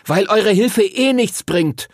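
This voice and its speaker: In a dry, clean studio recording, a man voices a proud, stubborn schoolboy, pitching above his natural mid-range voice. His delivery is animated and at normal speed, a little mellow and slightly rough, with a defensive, snappish edge.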